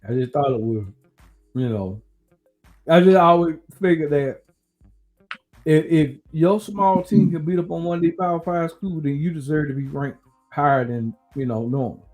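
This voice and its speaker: A man hosting a casual podcast chat, rambling and thinking out loud as he talks. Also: fairly high pitch, moderate pace, faint music behind. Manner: relaxed, rambling, talks through his uncertainty. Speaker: podcast host.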